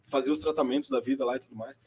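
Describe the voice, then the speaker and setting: A man's voice: mid-range voice, steady tone, racing, darkish tone, breathy edge. A young man with a Brazilian Portuguese accent telling a personal testimony in a chatty, slangy way. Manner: chatty and slangy, lots of fillers. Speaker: seminarian giving a vocation testimony. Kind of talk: casual personal storytelling.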